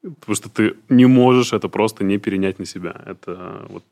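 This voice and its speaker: A man's voice: lowish voice, a little fast, vocal fry, warm tone. A man in his late twenties hosting a casual podcast interview, asking curious, probing questions with a joking touch. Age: late 20s. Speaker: podcast host.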